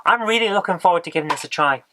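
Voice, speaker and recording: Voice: mid-range voice, lively intonation, rapid-fire, background noise. An exhausted vlogger, chatting casually and rambling as they search for words. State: exhausted, low on energy. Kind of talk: casual vlog chat.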